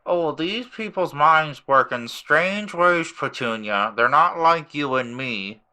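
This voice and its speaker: A short-tempered, blustering middle-aged uncle in a storybook audio drama, played by a man. He pushes his voice up high and loud, forceful and exasperated. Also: expressive, slow, heavily acted. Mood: stubborn, agitated.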